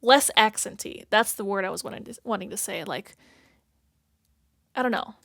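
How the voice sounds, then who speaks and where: A woman's voice: medium pitch, moderate pace, creaky, fairly bright tone, dry recording, clean studio sound. A woman hosting a reaction video, rambling casually, filling her talk with "like" and "if that makes sense" as she searches for words. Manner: thinks aloud, searching for words.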